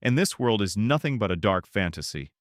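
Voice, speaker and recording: A man's voice: lowish voice, big pitch swings, fairly quick, no room sound, clean studio sound. A man voicing a cold, curt young count.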